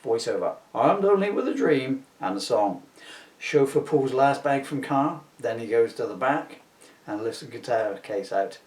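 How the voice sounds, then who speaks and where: An author reads his own script aloud as a comic performance, adding wry, self-mocking asides in a mid-range, slightly mellow male voice. The recording sounds distant, with a roomy echo.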